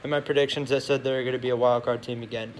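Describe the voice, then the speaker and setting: A man's voice: medium pitch, flat delivery. A young man chatting casually as a sports vlogger in a locker room, rambling and often correcting himself. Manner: halting, rambling, self-correcting. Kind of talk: casual chat to camera. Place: locker room beside a noisy gym. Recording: noisy locker room ambience.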